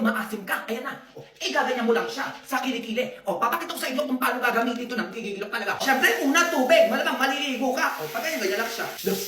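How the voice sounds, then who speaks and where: A woman rattles through a product demo in a high voice, fast and brash, needling her viewers as she sells. Her voice rings in an echoey room. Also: a bit bright. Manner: teasing, playfully insulting viewers. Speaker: online seller. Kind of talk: product review and sales pitch.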